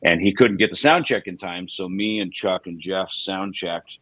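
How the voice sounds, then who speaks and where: Deep-voiced man telling rambling stories. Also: moderate pace, a bit bright, no room sound, low-quality recording. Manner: rambling, many fillers and restarts, chuckling. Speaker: livestream co-host. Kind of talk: casual storytelling reminiscence.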